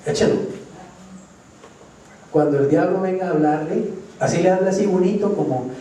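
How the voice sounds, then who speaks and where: A man's voice: high-pitched, quick pace, dark tone, slight background noise. A man preaching a sermon, emphatically asking the congregation questions and answering them himself. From Colombia. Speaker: pastor. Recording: echoey church hall from far off.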